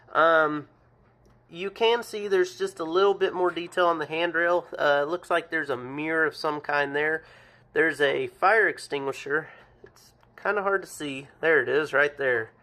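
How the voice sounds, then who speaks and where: A man's voice: on the high side, measured pace, sharp tone. A man giving a casual show-and-tell review of a farm toy, plain-spoken and thinking aloud with frequent ums and self-corrections.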